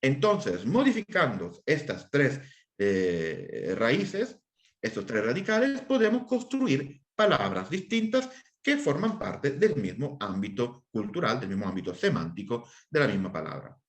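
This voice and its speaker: A man's voice: medium pitch, measured pace. Guy explaining stuff like a lecturer, voice going up and down a lot, keeps asking if you follow. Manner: lively, checks in with listeners often. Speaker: assyriologist lecturer. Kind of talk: explanatory lesson in an interview.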